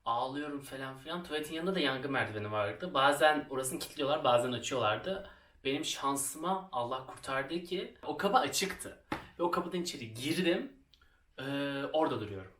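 A man's voice: medium pitch, animated, a little fast, fairly bright tone. A young man vlogging while he makes a craft project, telling a school story in a chatty, self-mocking way and laughing often. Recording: roomy, somewhat distant from the mic.

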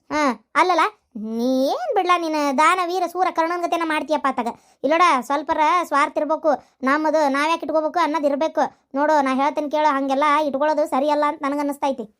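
A woman voicing a scolding mother-in-law in a cartoon, with a North Karnataka accent and a sharp, nagging way of talking. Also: high voice, fairly even intonation, fast, natural voice. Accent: North Karnataka Kannada.

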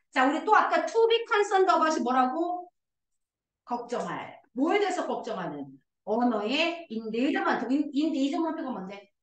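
A woman teaching a high school English class, explaining a passage and coaxing her students with constant questions. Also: a bit bright, echoey room, far from the mic, rough recording. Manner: coaxing, asks students questions and answers herself.

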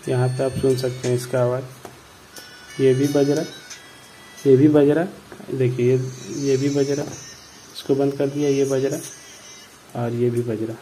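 A man explaining a repair step by step in a plain tutorial manner, often pausing to check in with viewers. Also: mid-range voice, little pitch movement, mellow, soft background music. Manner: plain explanatory, repeats "ठीक है" and "दोस्तों".

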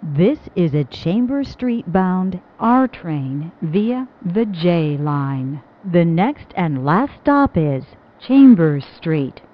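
Woman on the train loudspeaker, lowish voice, deliberate and evenly spaced, dull muffled audio. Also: lively intonation. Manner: measured, evenly spaced phrasing. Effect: over a train loudspeaker. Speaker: recorded train announcer. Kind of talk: automated transit announcements. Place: inside a subway car.

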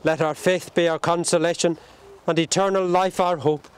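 Solemn, clear-voiced priest at a graveside. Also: male voice, on the high side, steady tone. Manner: solemn, measured recitation. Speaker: priest leading a burial. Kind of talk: liturgical graveside prayer. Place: outdoors at a cemetery grave.

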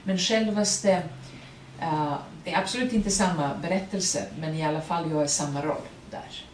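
A woman with a Serbian accent and Serbian as her first language, speaking as the guest at a public artist talk, animated, laughing often and searching for words. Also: deep voice. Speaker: guest actress. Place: print workshop event room. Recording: roomy, distant mic, faint noise.

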